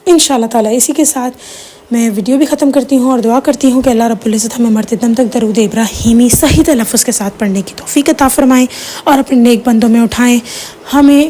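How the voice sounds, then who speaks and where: A woman's voice: a little high, mellow, slight background noise. A woman giving an informal religious talk to her viewers, chatty and personal, slipping English words in as she tells stories. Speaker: religious teacher.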